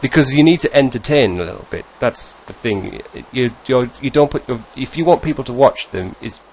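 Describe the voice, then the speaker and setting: A man's voice: medium pitch, fairly quick, a little mellow, a little hiss or hum, poor audio. A British man answering viewer questions in a casual vlog, in a rambling, self-deprecating and chatty way. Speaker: YouTuber.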